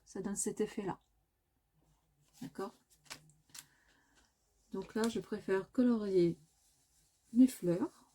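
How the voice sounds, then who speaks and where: A French woman hosts a crafting tutorial in a warm, medium-pitched voice, speaking slowly with long pauses. She talks casually and hesitantly as she works, with plenty of filler sounds and self-corrections.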